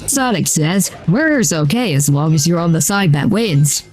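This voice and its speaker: Over faint background music, a streamer speaking through a voice changer chats at normal speed in a mid-range voice. The casual gameplay talk is rambling and relaxed, heavy with "uh" and "like."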